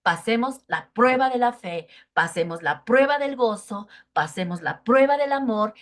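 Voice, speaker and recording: A woman giving a children's Bible lesson, earnest and often checking in with the children through short tag questions. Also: medium pitch. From Mexico.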